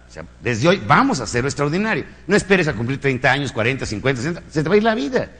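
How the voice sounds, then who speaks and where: A man's voice: mid-range voice, big pitch swings, racing, fairly bright tone, big-room sound. A man with a Mexican accent giving a live motivational lecture, emphatic and preaching, with rhetorical questions and crude jokes. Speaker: motivational speaker.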